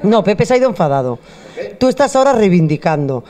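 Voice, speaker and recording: A middle-aged woman hosts a food show indoors at a bar lined with wine shelves, chatting and joking into a handheld mic. Her mid-range voice is mellow and very animated, and she talks at a quick pace.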